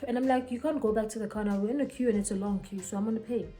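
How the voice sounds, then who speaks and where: A young woman with a South African accent tells her story in an animated, dramatic way. Her voice has a mellow, warm tone. Faint music plays in the background. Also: medium pitch, very fast. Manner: animated, code-switching, dramatic retelling. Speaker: vlogger. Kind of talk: casual storytime while getting ready.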